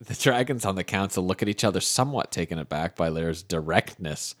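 A man's voice: sits low, animated, quick pace. A young man narrating an AI-run tabletop game, reading the text aloud and joking in between. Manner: reads narration aloud, breaks off laughing and joking.

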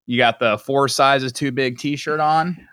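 A man's voice: mid-range voice, fairly even intonation, slow, a bit bright, clear, resonant tone, dry recording, clean studio sound. A man co-hosting a casual podcast, laid-back and wisecracking, with a profane streak. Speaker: podcast co-host. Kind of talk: casual chat.

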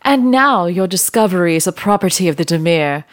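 A woman playing a scheming, smug villainess in a dramatized story, speaking with slow theatrical menace. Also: lowish voice, animated, no echo, natural voice. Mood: menacing.

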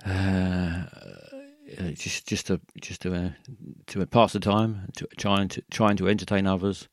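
A man hosting a call-in radio show, rambling in a halting way with many fillers and restarts. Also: low voice, level tone, no echo, clean studio sound.

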